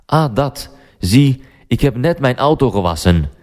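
A man's voice: mid-range voice, animated, unhurried, darkish tone, pitched above the performer's own voice, close to an everyday voice. A man voicing a cocky speeding driver in a language-learning story, sly and cheeky.

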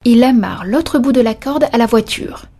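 A woman narrating a children's story in a slow, careful reading voice. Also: fairly high pitch, warm tone.

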